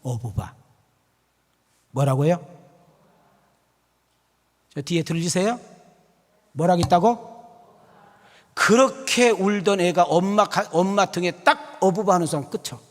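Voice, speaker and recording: A male pastor preaching a sermon with animated, folksy storytelling and rising, emphatic calls. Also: high-pitched, measured pace, long pauses. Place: church sanctuary. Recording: long church hall reverb.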